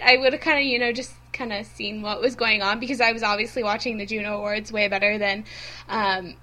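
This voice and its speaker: A woman's voice: a little high, sharp tone. A young woman co-hosting a podcast, rambling in a giggly, self-deprecating casual chat. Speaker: podcast co-host.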